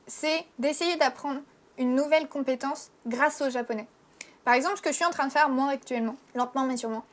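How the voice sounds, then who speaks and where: Young French-accented woman, high voice, casual teacher explaining to camera, frank and chatty. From France. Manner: chatty, frank, lots of fillers. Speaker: Japanese teacher and YouTuber. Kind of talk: casual video lesson.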